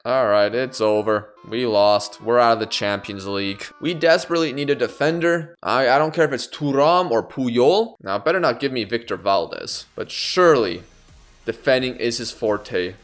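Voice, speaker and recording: A young man giving let's play commentary on a football video game, swinging between excited shouts and low muttering, with faint music behind. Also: moderate pace. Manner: animated, yelling at players, swings from excited to muttering. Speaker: gaming YouTuber.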